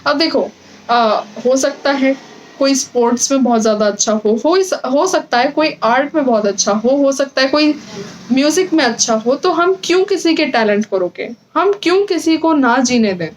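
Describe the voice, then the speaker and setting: A teenage girl with a high voice speaks straight to her fellow students. She sounds earnest and encouraging as she reassures them. She often pauses on fillers and restarts her sentences. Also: lively intonation, a little hiss or hum, poor audio. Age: teens. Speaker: student vlogger. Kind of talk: casual advice talk to camera.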